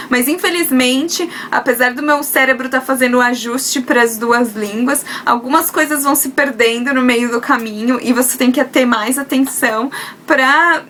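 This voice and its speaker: A woman's voice: a little high, pushed and bright, slight background noise. A young Brazilian woman with a Brazilian Portuguese accent, chatting casually to her viewers in a vlog, with frequent fillers and self-corrections. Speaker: vlogger.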